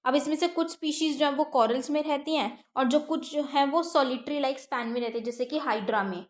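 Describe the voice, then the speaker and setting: A woman with a high, light voice teaching an exam-prep science class. She reads each textbook line slowly, then explains it plainly, asking a question and answering it herself. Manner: explains step by step, asks and answers her own questions.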